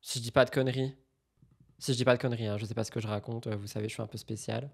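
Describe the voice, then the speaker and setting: Chatty young man streaming, loud and soft by turns. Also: mid-range voice, fairly even intonation, very fast, vocal fry, breathy edge. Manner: chatty, jumps between loud outbursts and mumbled asides. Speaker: streamer reacting to celebrity news. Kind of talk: casual live-stream chat.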